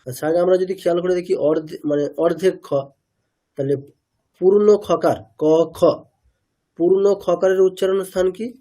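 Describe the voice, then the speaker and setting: Mellow-voiced man teaching pronunciation. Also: high voice, fairly even intonation, moderate pace. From India. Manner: asks students questions and repeats answers; demonstrates sounds by repeating syllables. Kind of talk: online class lecture.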